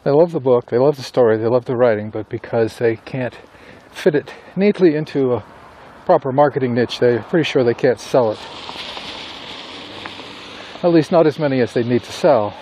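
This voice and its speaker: Mellow, musing man outdoors, faint noise. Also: medium pitch, moderate pace, rough recording. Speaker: writer recording an audio journal. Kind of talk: casual solo monologue while walking outdoors. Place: outdoors in falling snow, on a walk. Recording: outdoor ambient noise while walking.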